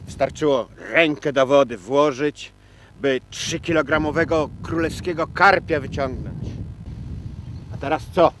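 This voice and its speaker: An actor playing a fawning, old-fashioned male servant who lingers on his pauses and swells into theatrical declamation. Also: on the high side, noisy background, lightly acted. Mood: lamenting. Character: fawning old-world male servant, lamenting a lost estate. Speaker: servant guiding a count through the estate. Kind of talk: film acting.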